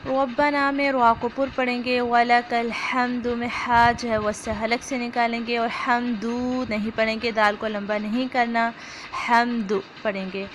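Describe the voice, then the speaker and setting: A woman's voice: fairly high pitch, little pitch movement, slight background noise. Woman teacher explaining pronunciation, Urdu accent. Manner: slow drawn-out recitation, then brisk explanation. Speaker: Quran recitation teacher. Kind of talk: online tajweed lesson.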